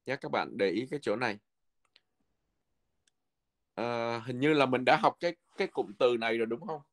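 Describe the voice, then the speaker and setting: A man teaching a language lesson from a textbook, patiently repeating words slowly so learners can follow. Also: medium pitch.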